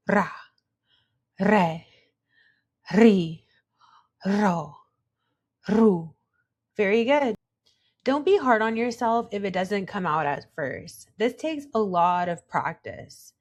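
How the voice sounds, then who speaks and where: A young adult woman teaching Spanish pronunciation, patient and encouraging, modelling each sound slowly. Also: on the low side. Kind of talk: slow, calm pronunciation tutorial.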